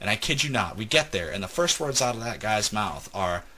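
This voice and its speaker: A man's voice: lowish voice, expressive, brisk, sharp tone, a little hiss or hum. A man hosting a let's play, chatting casually and telling jokes while gaming. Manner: joking, teasing storyteller. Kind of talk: casual gameplay chat.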